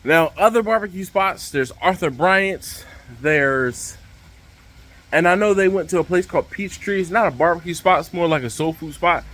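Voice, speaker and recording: A man hosting a casual vlog to camera, speaking outdoors over the rushing water of a waterfall by a pool. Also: high voice, fairly bright tone. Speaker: vlog host.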